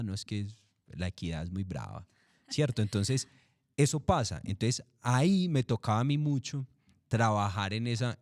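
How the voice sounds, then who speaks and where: A middle-aged man, a commercial voice-over artist talking in an interview, relaxed and repetitive, asking and answering his own questions. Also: on the low side, no room sound, clean studio sound. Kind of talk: interview, casual explanation.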